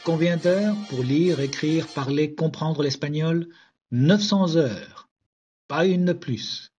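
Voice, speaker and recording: A man, a language teacher, narrating a scripted explanation in a measured, wry way. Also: fairly high pitch, a little mellow, faint music behind. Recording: dull lo-fi recording.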